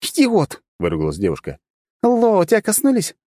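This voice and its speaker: A man voicing a harsh, bossy young woman fighter with a thin, almost childlike voice who yells orders and insults. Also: deep voice, wildly swooping pitch, quick pace, dry recording, studio quality, heavily acted. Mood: shouting, impatient.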